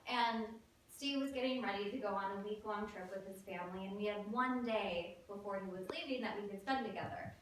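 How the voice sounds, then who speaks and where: A woman's voice: medium pitch, fairly quick, fairly bright tone, slight background noise. A woman in her thirties telling a comic personal story on stage, with wry, self-mocking timing. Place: theater stage with live audience. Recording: roomy, distant live stage recording.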